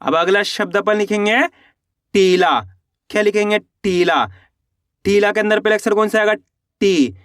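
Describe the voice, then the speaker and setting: A man teaching a reading lesson, spelling words out slowly syllable by syllable, asking questions and then answering them himself. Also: high voice, a bit bright, clean tone, no room sound, clean studio sound. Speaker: Hindi teacher.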